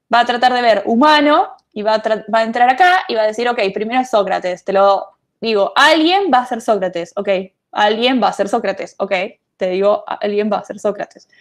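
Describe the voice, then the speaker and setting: A woman's voice: mid-range voice, animated, normal speed. A woman giving an online programming lecture, chatty and thinking aloud with many fillers. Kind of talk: online lecture, casual explanation.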